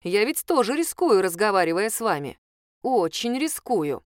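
Woman doing a hushed, shrewd woman sleuth. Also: sing-song, moderate pace, no room sound, studio quality, natural voice. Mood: conspiratorial. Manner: low, hushed and persuasive. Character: shrewd middle-aged woman sleuth, calm and conspiratorial.

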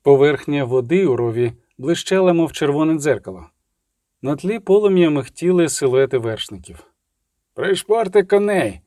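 A man reading an audiobook in a steady, measured dramatic manner. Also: a little high, dry recording, clean studio sound. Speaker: audiobook narrator. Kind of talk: scripted audiobook narration.

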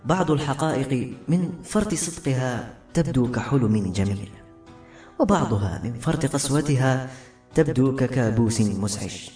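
A man reading the lines of a gentle, motherly queen in a soft voice with a slight tremble, calm and measured. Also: medium pitch, close to an everyday voice. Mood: tender. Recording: roomy echo with soft music.

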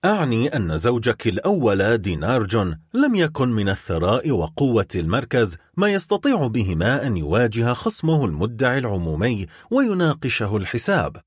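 A man's voice: mid-range voice, wildly swooping pitch, fairly quick, hardly any pauses, husky, no room sound, studio quality. A man voicing a wealthy middle-aged baron who is cold, stern and accusing toward his wife in a storybook reading. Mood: angry.

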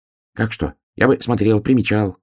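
A man voicing a small, curious and excitable hedgehog who keeps asking questions. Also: lowish voice, slightly rough, no room sound, clean studio sound, pitched above the performer's own voice. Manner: eager, quick to ask questions.

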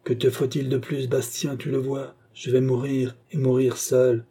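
A man's voice: mid-range voice, little pitch movement, unhurried, mellow, breathy edge, voice pushed up. A man reading aloud, voicing a dying old man who confesses his crimes in a faint, broken, pleading voice.

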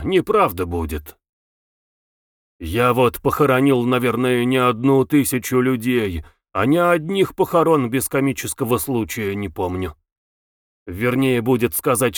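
A village deacon reciting folk verse slowly and deliberately, in a lively, rising and falling voice, as a male narrator puts him on. It is an audiobook figure with a dry, close sound. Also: medium pitch, dry recording, lightly acted. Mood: mild. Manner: measured recitation.

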